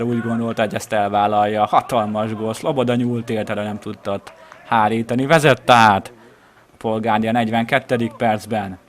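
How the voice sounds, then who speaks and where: Low-voiced man commentating on live football. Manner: measured, rising excitedly at chances. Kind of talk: live match commentary of amateur regional football.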